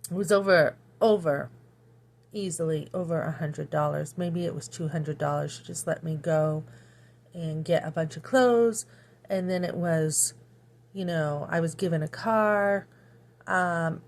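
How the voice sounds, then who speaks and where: A woman talking in a personal confessional vlog, halting and full of fillers, at times chewing as she speaks. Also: fairly low pitch. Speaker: vlogger.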